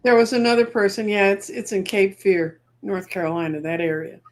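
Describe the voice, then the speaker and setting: A woman's voice: mid-range voice, brisk. Chatty, opinionated woman co-host. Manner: opinionated, wry, talkative. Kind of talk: casual political chat.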